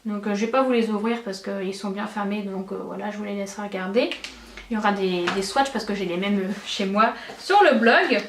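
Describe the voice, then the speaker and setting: A woman's voice: mid-range voice, a little fast, a little hiss or hum. A young woman beauty vlogger chatting casually and enthusiastically, with many fillers. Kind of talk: casual chat. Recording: echoey room, mic at a distance.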